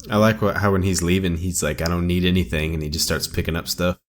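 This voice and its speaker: A man's voice: deep voice, steady tone, fast talker. A young man co-hosting a casual podcast, laid-back and laughing along. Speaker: podcast co-host. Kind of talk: casual chat.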